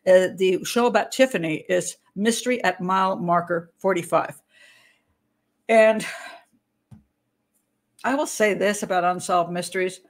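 Talking into a webcam from a small room at home, an older woman who works as a criminal profiler hosts a laid-back livestream. Her voice sits on the low side and is a bit hoarse, and she keeps clearing her throat. She chats and rambles, interrupts herself, and is quick to laugh.

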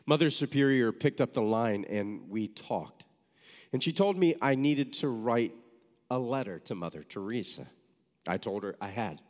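A man preaching a sermon, reading a story aloud in a measured storytelling manner with wry asides. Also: fairly low pitch, darkish tone. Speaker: pastor. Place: church sanctuary. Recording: reverberant church hall.

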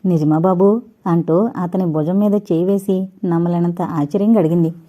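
A woman narrating a novel in an even storytelling manner. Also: lowish voice, normal speed. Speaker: audiobook narrator. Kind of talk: novel reading.

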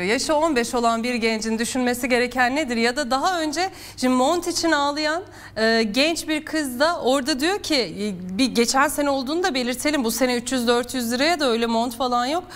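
A woman news anchor presenting and interviewing in a formal, measured way, addressing her guest politely. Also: high voice.

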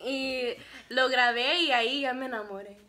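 A woman's voice: high voice, normal speed, slight background noise. A young woman telling a casual storytime, laughing often and acting out what people said. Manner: animated, laughs often, acts out quotes. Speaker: vlogger telling her story.

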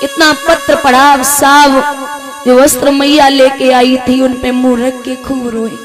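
High-voiced woman preaching a devotional story. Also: flat delivery, measured pace. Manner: emotional, preaching to listeners. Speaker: religious storyteller. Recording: music playing behind.

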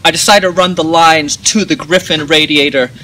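Guy in his 30s showing off camping gear outside, bright voice, slightly high, cracks dry jokes. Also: fairly even intonation, normal speed, slight background noise. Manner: dry joking asides. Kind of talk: casual gear walkthrough. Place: outdoors in a driveway and at a campsite.

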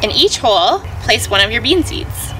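A young woman, a farm educator, giving clear, patient step-by-step gardening instructions. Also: a little high, big pitch swings, normal speed, noisy background. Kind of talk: instructional demonstration.

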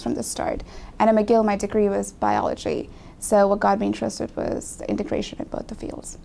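A woman's voice: medium pitch, gravelly, mellow, slight background noise. A young woman from Pakistan, a graduate student, talking candidly in an interview and often correcting herself mid-word. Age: young adult. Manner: thoughtful, self-correcting, candid. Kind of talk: casual interview. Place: small office with windows.

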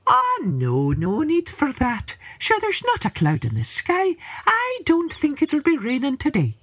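A woman's voice: high voice, huge pitch swings, a little slow, a bit bright, no room sound, voice pushed up, heavily acted. A woman voicing an eager young farmer man, insistent, with music behind.

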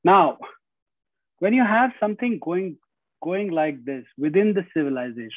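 A middle-aged guest speaker with an Indian accent lectures earnestly from indoors at home over a video call, heard through earbuds. His voice sits high and swings widely in pitch at a moderate pace, and he often says "you know" and restarts phrases. The recording is dry, with tinny call audio.

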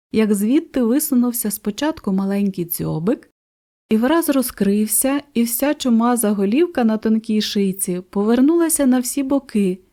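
A woman narrating a fairy tale audiobook for children in a gentle, expressive way. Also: medium pitch. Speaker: storyteller.

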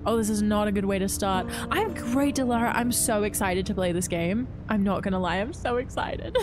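A young woman streaming a game live from home, bubbly and excitable, greeting her chat and gasping with excitement. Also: medium pitch, normal speed, over music.

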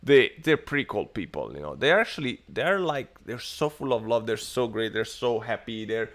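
An expressive man with a mid-range voice speaks at a normal speed. He's in his thirties, from Italy, and rambles casually with lots of fillers while hosting a tech livestream. He sits in a home study lined with bookshelves, using an earphone headset mic on a webcam stream.

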